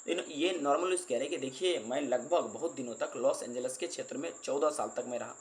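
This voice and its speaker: A male teacher who explains an English book line by line, reading the English passages slowly before explaining them. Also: medium pitch.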